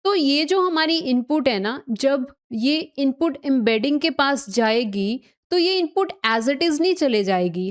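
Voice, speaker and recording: A woman teaching a recorded tech lecture, explaining step by step, mixing in English technical terms and often checking that listeners follow. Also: fairly high pitch.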